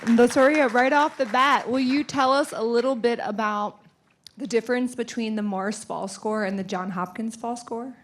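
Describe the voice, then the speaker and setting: A woman moderates a presentation session in a slightly high voice. She makes introductions and asks questions in the manner of a professor hosting an academic event. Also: moderate pace, slight background noise.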